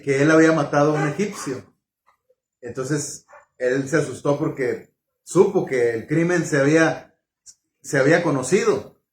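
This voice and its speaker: Male preacher, sermon delivery, slightly high voice, halting, roomy echo. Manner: unhurried, halting, with fillers and self-corrections.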